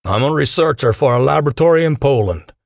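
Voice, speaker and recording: Joking, stiffly formal male scientist, as a narrator puts him on, lively pitch, dry sound. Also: fast talker, vocal fry, dry recording. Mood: jovial.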